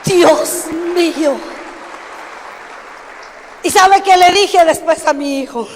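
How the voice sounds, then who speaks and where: A woman's voice: very high-pitched, slow, in a large hall, a faint crowd, slight background noise. An older woman, preaching a sermon through funny, folksy stories told to the congregation. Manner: anecdotal, humorous, folksy asides to the congregation. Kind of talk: sermon with storytelling. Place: church.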